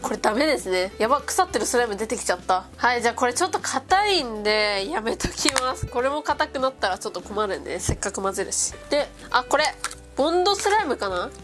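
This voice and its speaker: Young woman vlogger, stuffy nose, chatty and excitable, slightly high voice, music underneath. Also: fast. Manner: chatty, excited, musing aloud as she plays with slime. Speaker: slime vlogger. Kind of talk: casual chat. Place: indoors at a table. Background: background music.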